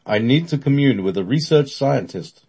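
A man's voice: mid-range voice, expressive, mellow, slightly rough, voice pushed up. Man doing a bellowing otherworldly spirit. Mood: stern. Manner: bellowing, slow and stern. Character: unworldly disembodied spirit voice, bellowing.

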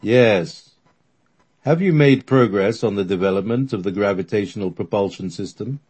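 Stern disembodied spirit, bellowing, low and husky, from a male narrator. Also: moderate pace, darkish tone.

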